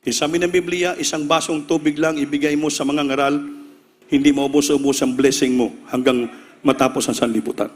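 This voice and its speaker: A male preacher telling a story in a sermon, acting out the voices of the people in it and rising to shouts. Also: a little high, little pitch movement, brisk, in a large hall.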